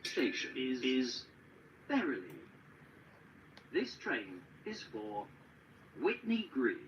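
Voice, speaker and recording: A man voicing an automated onboard train announcement, formal and measured. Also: mid-range voice, very animated, a bit bright, far from the mic, dull audio, slight background noise. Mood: announcing. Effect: onboard train announcement over a speaker.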